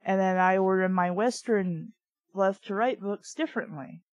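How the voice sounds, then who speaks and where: A young adult woman hosts a reading of a children's book, adding casual commentary that is blunt, opinionated, and full of swearing. Her medium-pitched voice has a darkish tone and moves at normal speed, with no echo in the recording.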